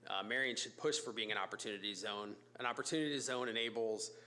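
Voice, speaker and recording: In a council chamber, a company executive with a cold-roughened, raspy voice and sharp tone gives a public comment. His pitch to the city council is brisk but informal, full of fillers and restarts.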